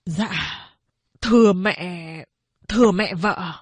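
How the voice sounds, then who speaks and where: A woman voicing a strong, stern man speaking in a grave, measured way. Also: medium pitch, breathy edge, dry recording, full character voice. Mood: solemn. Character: stern, strong man, grieving father and fugitive.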